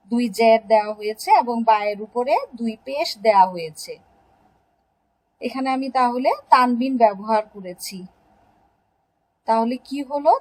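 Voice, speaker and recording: A woman from Bangladesh gives an online lesson to young children. Her voice sits a little high and has a husky edge. She talks gently and deliberately, stretching out each sound in her pronunciation drills. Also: rough recording. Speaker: Islamic studies teacher.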